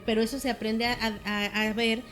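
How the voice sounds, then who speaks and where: A woman's voice: fairly high pitch, little pitch movement, normal speed, music in the background. A woman, a therapist, talking in a casual conversation and acting out people's voices as she gives examples. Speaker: therapist, co-host or guest. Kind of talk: casual conversation on a talk show.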